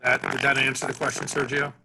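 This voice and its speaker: A man's voice: medium pitch, monotone, fast talker, gravelly, sharp tone, breathy edge. A man hosting a video call, hesitant and talkative, with many ums and repeated words. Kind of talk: casual video call chat. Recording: noisy video call audio.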